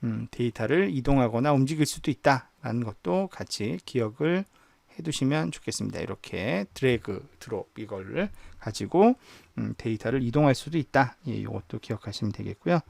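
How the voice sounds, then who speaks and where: A man's voice: mid-range voice, lively intonation, a little fast, vocal fry, a little mellow, no room sound. A man teaching an online university class, walking through each step on screen. He asks the students questions and then answers them himself. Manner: walks through screen steps. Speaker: university professor. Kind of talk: online lecture on spreadsheet software.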